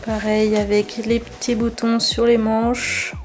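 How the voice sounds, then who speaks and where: A woman's voice: a little high, completely flat delivery, takes it slowly. A young woman vlogger chatting casually and informally, showing clothes to the camera with slang and fillers.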